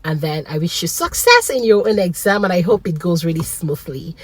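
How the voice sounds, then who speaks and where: Woman, excitable storyteller, laughs a lot, dry close sound. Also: fairly low pitch, a little fast, slightly rough, no room sound. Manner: animated, excitable, laughs often. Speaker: vlogger. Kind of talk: casual storytelling vlog.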